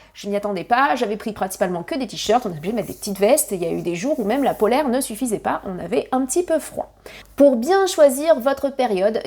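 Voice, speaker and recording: A French woman talks straight to her viewers about planning a family trip, in a relaxed, chatty vlog style. Her voice sits slightly high, and she keeps up a lively pace, restarting sentences and dropping fillers as she goes. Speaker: family travel vlogger. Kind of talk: casual travel advice talk.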